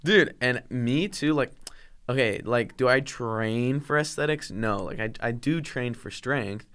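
Foul-mouthed young man, smooth voice. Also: mid-range voice, measured pace, a bit bright. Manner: swears freely, laughs through stories. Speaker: podcast co-host. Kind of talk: casual chat.

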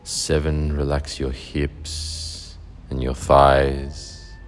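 Very deep, slow-speaking man guiding relaxation. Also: soft background music. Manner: slow, calm, soothing instructions with long pauses. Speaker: meditation guide. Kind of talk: guided relaxation meditation.

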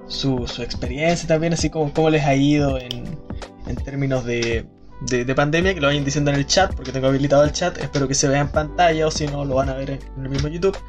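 Young Chilean man, podcast host, fairly high voice, rambling chat, soft music faint behind. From Aysén region, southern Chile. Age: young adult. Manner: rambling, many fillers and restarts.

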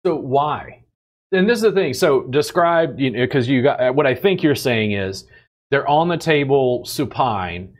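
A man hosting a casual podcast conversation, animated and blunt, swearing and acting out what other people say. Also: medium pitch, a little slow. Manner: animated, swears, acts out quoted people in raised voice. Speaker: podcast host and bodywork teacher.

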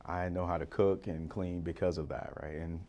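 A woman's voice: very deep voice, steady tone, normal speed, a loud crowd. A woman hosting a podcast in casual interview chat, affirming her guest and repeating her agreement often. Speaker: podcast host.

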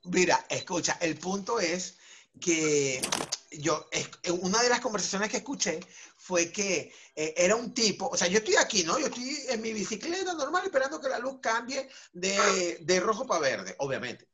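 A man with a Venezuelan Spanish accent telling a story in a casual chat with friends, slangy and animated. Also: sits high, moderate pace, slight background noise.

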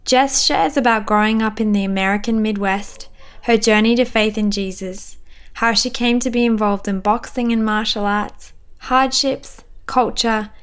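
A woman's voice: fairly high pitch, steady tone, normal speed, clean tone. A woman hosting a faith podcast, reading the intro and asking interview questions. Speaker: podcast host.

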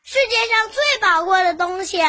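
A performer voicing a cheeky little boy in a children's story, bright and demanding. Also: extremely high pitch, moderate pace. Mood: curious.

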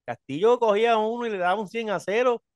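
Lively man telling stories. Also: sits high, quick pace, no echo. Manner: animated storyteller, acts out voices, says brother. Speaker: professional wrestler. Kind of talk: casual chat, storytelling.

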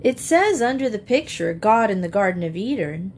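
A woman's voice: medium pitch, sing-song, moderate pace, a little mellow, a little hiss or hum, natural voice. Woman reader voicing a doubtful farm boy, glum and hesitant.

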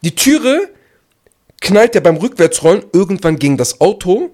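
A young man in a casual podcast chat, telling a story with a high, restless voice. He jumps into the quotes and yells them out, with lots of rise and fall as he goes. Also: normal speed. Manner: animated, acts out shouts and quotes. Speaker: podcast co-host.

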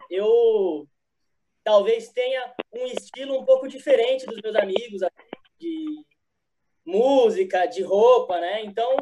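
A man's voice: very high voice, noisy background. A man guest telling his own version of a story in a chatty, slightly sheepish way. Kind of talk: casual storytelling.

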